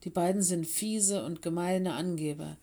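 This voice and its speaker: A woman's voice: on the low side, moderate pace, dark tone. A woman reading an audiobook, voicing a sulky, stubborn young female animal pupil. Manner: sulky, dismissive. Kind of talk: audiobook character voice.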